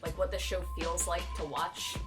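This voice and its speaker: A woman's voice: on the low side, flat delivery, moderate pace. A woman hosting a livestream in casual, sweary, giggly watchalong chat. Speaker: livestream host. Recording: music playing behind voice.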